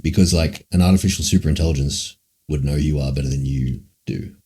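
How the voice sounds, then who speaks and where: A man's voice: extremely low pitch, fast talker, warm tone, slightly rough. A young man livestreaming, answering chat questions in a rambling, profane, casual way, full of "like" and "man".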